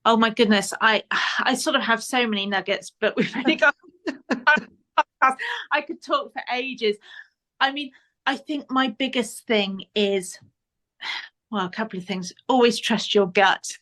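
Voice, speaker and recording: A woman's voice: fairly high pitch, a little slow, a bit bright. A woman guest on a podcast interview, giving earnest motivational advice and repeating points for emphasis.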